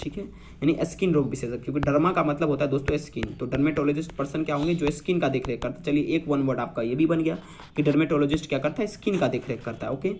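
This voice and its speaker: A man's voice: a little high, darkish tone, a little hiss or hum. A young man teaching English vocabulary for an exam, explaining patiently and quizzing his listeners with repeated questions. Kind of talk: vocabulary lesson.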